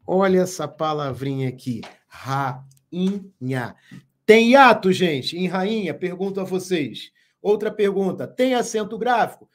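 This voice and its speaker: A man teaching a live online grammar lesson, speaking slowly and emphatically, repeating key words and asking viewers questions. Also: high-pitched, expressive. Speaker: Portuguese teacher.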